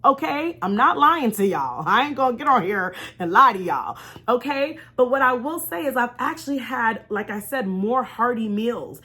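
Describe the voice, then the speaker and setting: A vlogger and life coach delivers a motivational storytime vlog with faith-based encouragement, speaking emphatically and directly to her viewers while repeating key phrases. Her voice is a little high, bright and forceful, expressive, at a moderate pace.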